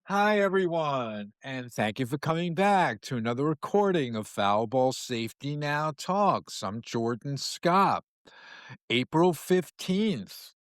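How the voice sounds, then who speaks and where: A man's voice: mid-range voice, dry recording, studio quality. A man from New York City hosting his own talk show, speaking in a loose, rambling monologue full of fillers and restarts. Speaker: podcast host. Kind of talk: casual monologue.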